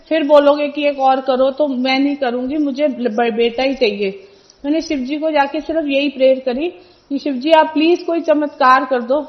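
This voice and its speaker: A high-voiced middle-aged woman recounts family stories as a devotional testimony. She tells it in an animated way, acting out what each person said. The sound is dull and lo-fi. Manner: storytelling, animated retelling of family events with quoted dialogue.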